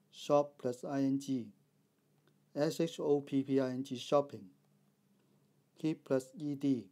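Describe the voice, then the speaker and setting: A man teaching a recorded English spelling lesson, his voice mellow and warm. He moves methodically through rules and examples, spelling each word out one letter at a time at a middling pitch. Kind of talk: recorded grammar lesson narration.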